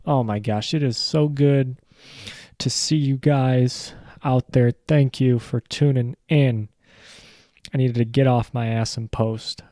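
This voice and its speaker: Male host, casual rambling monologue with profanity and jokes; talks slowly, dry studio feel. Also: mid-range voice, a little mellow, no echo. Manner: rambling, joking, swears casually. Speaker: podcast host. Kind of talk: casual solo rant.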